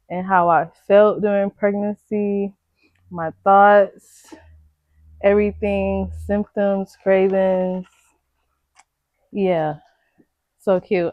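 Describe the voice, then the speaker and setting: A young pregnant woman chatting casually as she unboxes baby gifts, gushing and excitable, with slangy exclamations. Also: fairly low pitch, no room sound, highs cut off. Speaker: vlogger.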